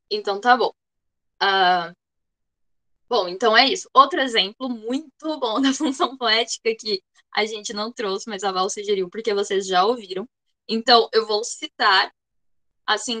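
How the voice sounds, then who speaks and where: Teaching an online class in a medium-pitched, sharp-toned voice, a woman with a Brazilian Portuguese accent explains things step by step and often checks that her students are following. The audio is poor.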